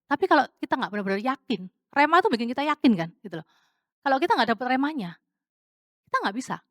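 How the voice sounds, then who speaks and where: Chatty woman preacher, fairly high voice. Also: sing-song, fast talker, a bit bright, no echo, studio quality. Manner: chatty and conversational, with frequent fillers and English words mixed in; rhetorical questions to the congregation. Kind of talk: casual testimony-style sermon.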